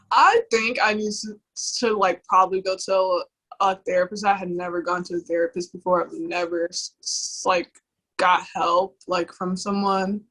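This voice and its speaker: A young woman with a bright, clear voice. She shares personal memories in a candid conversation and keeps halting, circling back with fillers and restarts. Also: medium pitch, steady tone, poor audio. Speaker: guest.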